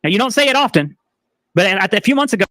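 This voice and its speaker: A woman's voice: medium pitch, animated, quick pace, a bit bright, no room sound. A woman on a live online panel, arguing her point with sarcasm. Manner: argumentative, sarcastic.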